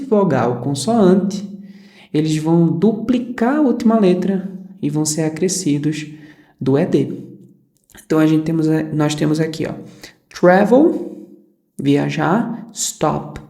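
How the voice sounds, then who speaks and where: A teacher talks through a grammar lesson at an unhurried, slow pace. The voice is soft and mellow, and the teacher patiently repeats examples and checks that the listener follows. The recording sits in an echoey room. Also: medium pitch. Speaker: English teacher.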